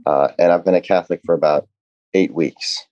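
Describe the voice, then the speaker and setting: A young man with a very low, dark voice talks earnestly as a podcast guest, stopping and restarting often. The sound is dry and dull. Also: steady tone, dry recording. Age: young adult. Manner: earnest, halting, many "uh" and restarts. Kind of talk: casual podcast conversation.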